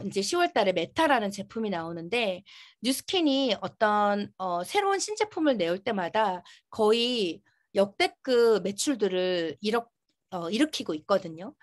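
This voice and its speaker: A woman giving an earnest, emphatic motivational business presentation, her articulation slightly impeded by a dental retainer. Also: medium pitch. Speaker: network marketing business presenter.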